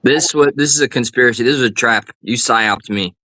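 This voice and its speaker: A man with a bright, ringing voice keeps up improvised joking banter on a live stream. He slides into mock-serious speeches and fake outrage for laughs. The sound is close and dry. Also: mid-range voice, a little fast, dry recording. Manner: goofy mock-serious riffing, playful put-on outrage.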